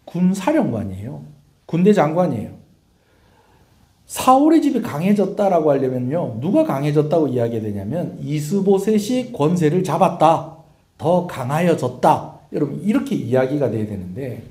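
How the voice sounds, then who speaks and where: A male pastor gives a sermon as an animated storyteller, often asking his congregation questions. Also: on the high side, reverberant. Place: church sanctuary.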